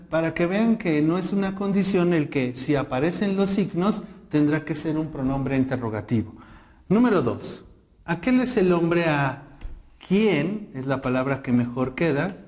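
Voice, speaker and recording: A man teaching a grammar lesson in a methodical way, slowing down to read out example sentences. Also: a little high, darkish tone.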